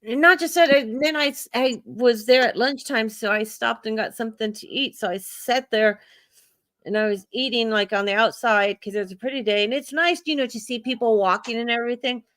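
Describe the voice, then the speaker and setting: A middle-aged woman hosting a casual livestream chat. Her voice sits a little high, and she tells everyday stories in a chatty, animated way, dropping frank asides as she goes. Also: fairly quick, no echo. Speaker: livestream host.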